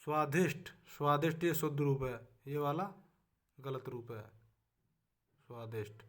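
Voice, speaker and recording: A man with a Hindi accent leads a spelling lesson for exam preparation in a fairly high voice. He repeats each word as a drill, and his voice often drops away at the end of a line. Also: a little slow. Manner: drills words, often trails off softly at line ends. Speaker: exam-prep teacher.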